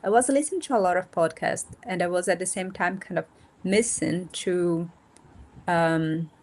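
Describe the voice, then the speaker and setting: As a guest on a remote video call, a nonprofit founder speaks in a lowish voice during a casual interview. She's in her thirties, from Brazil's north and northeast, and her first language is Portuguese; her manner is thoughtful, with many pauses and fillers while she finds her words.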